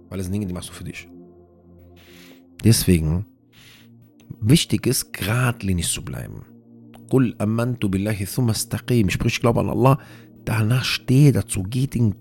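A man hosting a religious audio series, giving earnest, repetitive advice in an informal way and mixing in Arabic religious phrases. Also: fairly low pitch.

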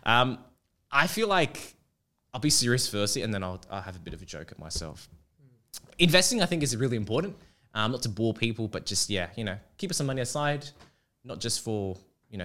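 A man with a bright, forceful voice sitting in for a casual interview. He tells long anecdotes in a joking, self-mocking way. His pitch sits a little low for a man. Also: big pitch swings, fast talker.

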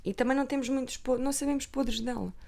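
A woman's voice: high voice, fast talker, creaky, darkish tone. A woman with a European Portuguese accent, chatting casually about gossip magazines, rambling and sometimes dropping to a whisper.

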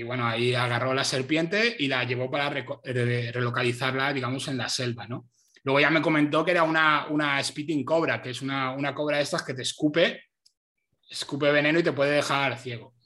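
A man, a teacher telling stories as a guest in an interview, lively and laughing often. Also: medium pitch, moderate pace. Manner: animated, laughs often, many restarts. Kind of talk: casual storytelling in an interview. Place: home.

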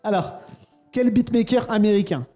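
A man's voice: high voice, normal speed, warm tone, faint music behind. A man in his thirties hosting a casual podcast quiz, teasing and playful. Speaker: podcast host.

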